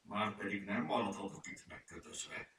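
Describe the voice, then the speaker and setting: A man voicing a know-it-all, bossy male storybook creature who lectures others and shouts crossly. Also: on the low side, big pitch swings. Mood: exasperated. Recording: echoey room, far from mic, faint hiss.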